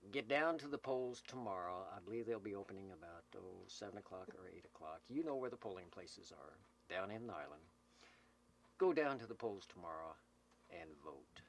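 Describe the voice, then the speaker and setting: Over a CB radio microphone with a little hiss or hum, a low-voiced man leads a community roll call at Slab City, a California desert camp, while being filmed. His announcements are improvised and folksy, rambling along with jokes and teasing.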